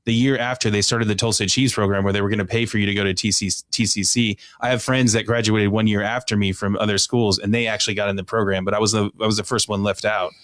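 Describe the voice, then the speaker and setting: Man, 30s, from Oklahoma, low voice, quick chatty delivery, podcast guest. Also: steady tone, a bit bright, dry recording. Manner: quick and chatty, with many restarts and fillers. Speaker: city council candidate, guest. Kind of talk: casual podcast conversation. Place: indoor podcast studio.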